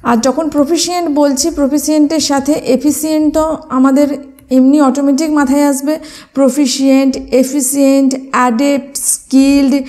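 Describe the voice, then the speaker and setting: A woman's voice: high voice, little pitch movement, normal speed, warm tone. A woman teaching exam vocabulary, spelling words out letter by letter and asking and answering her own questions. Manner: frequent fillers, mixes English words into speech. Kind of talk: exam prep lesson.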